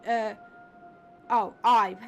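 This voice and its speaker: A woman's voice: on the high side, fairly even intonation, drawn-out words, vocal fry, muffled recording, soft background music, full character voice. A woman doing a rambling tourism officer. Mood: chatty. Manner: rambling and chatty.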